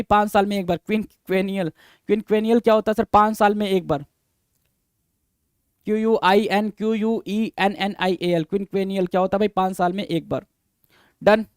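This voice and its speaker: Male teacher, high clear voice, dry close sound, drills words by repetition. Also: no echo. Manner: repetitive, addresses viewers as "bhai", quizzing questions; reads English definitions slowly, then explains. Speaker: exam vocabulary teacher. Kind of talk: lecture-style teaching.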